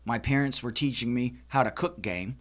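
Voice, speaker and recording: A man's voice: medium pitch, moderate pace. Emphatic American man lecturing his friends. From United States. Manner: emphatic, lecturing, with many restarts. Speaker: podcast co-host. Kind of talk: casual roundtable chat.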